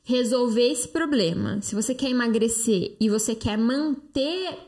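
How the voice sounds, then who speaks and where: A Brazilian woman with a high voice speaks into a phone held close during a live stream. She talks in a chatty, persuasive way, answering viewer comments and sprinkling her speech with fillers. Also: expressive, a little slow, a little mellow. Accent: Brazilian Portuguese. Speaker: live-stream host, detox coach.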